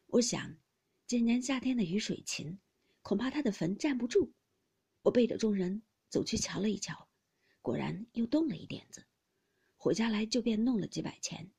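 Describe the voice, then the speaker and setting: Storybook role: proud young male swordsman, blunt and cool, lively delivery, voiced by a female reader. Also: fairly high pitch, vocal fry, slightly rough, exaggerated voice.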